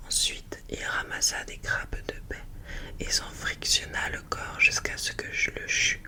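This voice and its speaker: An ASMR host reading a children's picture book aloud in a hushed library whisper, with gentle phrasing and small asides to listeners. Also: a little slow.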